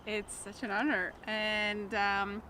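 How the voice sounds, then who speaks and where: A woman's voice: mid-range voice, monotone, takes it slowly, bright, forceful tone, slight background noise. A young woman from Romania, English as her second language, speaking as a guest in a casual interview and laughing often. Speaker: guest, writing coach and author.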